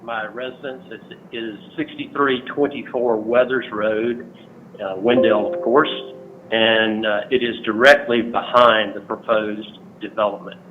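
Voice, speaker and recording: Calling in by phone to a public hearing, a resident makes an earnest comment, reading from prepared notes and saying "uh" often. His lowish voice is unhurried with fairly even intonation, coming through a tinny line with faint noise.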